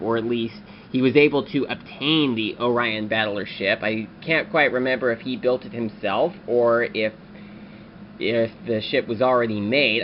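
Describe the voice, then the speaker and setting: A man talking through a toy review in a casual, rambling way, often pausing on fillers. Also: medium pitch, highs cut off, slight background noise. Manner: rambling, frequent filler pauses.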